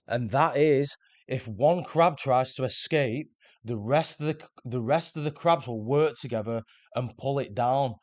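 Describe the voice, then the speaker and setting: A man's voice: mid-range voice, a little slow, no room sound. A man, earnestly explaining self-improvement ideas in a scripted motivational monologue. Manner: earnest, explanatory, repeats words when restarting. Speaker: self-improvement video host.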